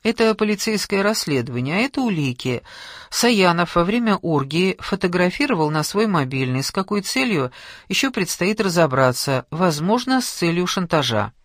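A man's voice: high voice, very animated, moderate pace, fairly bright tone, no room sound, clean studio sound, heavily acted. A man voicing a firm female police major. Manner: firm, official.

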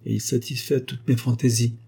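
A capricious young actress, voiced by a man in an audiobook, coaxing and questioning. The voice stays dark and a touch husky, lifted only slightly above his plain reading voice. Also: medium pitch, level tone, fairly quick, pitched above the performer's own voice. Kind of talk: audiobook character voice.

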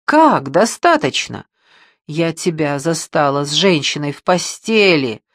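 A man voicing a jealous, hysterical young woman who shouts and then hisses in contempt. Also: very animated, a little slow, dry recording, clean studio sound, full character voice. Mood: furious. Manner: shrill, shouting, then hissing.

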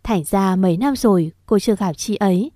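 A woman narrating a story in a steady, gentle reading voice. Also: mid-range voice, a little fast, no echo, clean studio sound.

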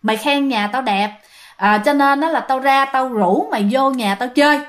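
A woman voicing an expressionless female ghost who taunts slowly and flatly. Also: high voice, close to an everyday voice. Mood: taunting.

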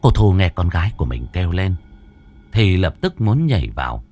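A man narrating a horror story in a dramatic, expressive storytelling manner. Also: low-pitched, normal speed, faint music behind.

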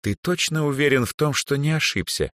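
A man's voice: fairly high pitch, animated, brisk, fairly bright tone, no room sound, studio quality, pitched above the performer's own voice. A man voicing an aging male archmage who sighs, lectures and sometimes snaps in anger. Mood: puzzled. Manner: sighing, lecturing, flares into anger. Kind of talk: audiobook character voice.

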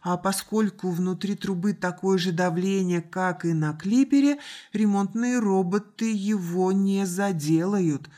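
A woman voicing a determined male spaceship captain who speaks in a measured, earnest and insistent way. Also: mid-range voice, warm tone, close to an everyday voice.

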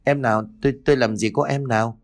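A man's voice: medium pitch, fairly even intonation, fast talker, voice pushed up, lightly acted. A man doing an anxious, calling mother. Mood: frightened. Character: worried middle-aged mother, scolding then scared.

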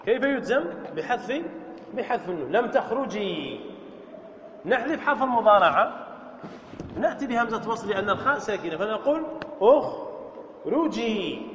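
A man's voice: sits high, animated, fast talker, a bit bright, slight background noise. A man teaching an Arabic grammar lesson as a sheikh, explaining step by step and quizzing his students with questions. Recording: echoey hall, dull lo-fi sound.

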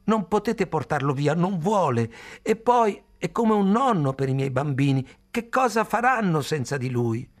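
A man reading aloud, voicing a loyal rickshaw man who pleads in a high, loud, shouting voice. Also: unhurried, vocal fry. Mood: desperate shouting.

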